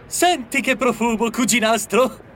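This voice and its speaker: A man's voice: very high-pitched, a little slow, fairly bright tone, slight background noise. A man voicing a greedy, teasing mouse cousin in a children's audiobook, boastful and cheeky. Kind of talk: audiobook character voice.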